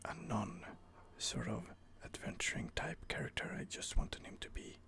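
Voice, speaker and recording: Whispering gravelly gameplay commentary for an ASMR let's play, this host has a mid-range, sharp-toned voice with lively intonation at a moderate pace. He talks hesitantly, often restarting and using fillers.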